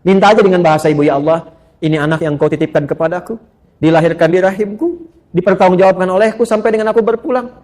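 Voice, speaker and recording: A middle-aged man preaching to women, telling stories with sudden rises and soft asides. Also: high-pitched, quick pace. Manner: animated storytelling with rising exclamations and soft asides. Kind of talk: sermon to women.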